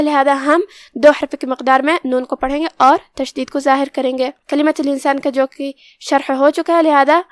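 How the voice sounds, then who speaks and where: A woman teaching Quran recitation rules, explaining calmly and reciting verses slowly and carefully. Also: high voice, no room sound, clean studio sound. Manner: slow, careful recitation between plain explanations. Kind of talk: tajweed lesson.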